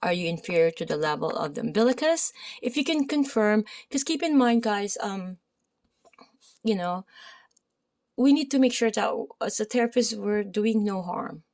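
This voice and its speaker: A woman's voice: medium pitch, expressive, moderate pace. Filipino-accented woman teaching anatomy. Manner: reads aloud, then adds loose asides with many fillers; loud reading voice that rises and drops. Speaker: massage therapy instructor. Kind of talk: reading and explaining a textbook lesson.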